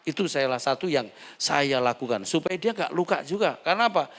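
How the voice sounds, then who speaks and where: Bright, gravelly pastor. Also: male voice, a little high, expressive, fairly quick. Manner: humorous, acts out dialogues. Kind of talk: sermon.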